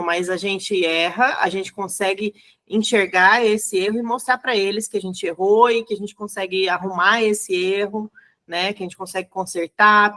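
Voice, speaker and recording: A woman hosting an interview on parenting and schools, affirming her guest and asking gentle questions. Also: mid-range voice. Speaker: host, parenting educator. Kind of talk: casual interview talk.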